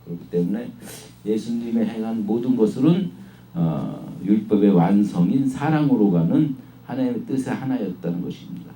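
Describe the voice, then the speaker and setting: A man's voice: fairly low pitch, expressive, dark tone, far from the mic, slight background noise. Man preaching in an echoey room. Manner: unhurried, many hesitation fillers; acts out questioning voices. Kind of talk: sermon.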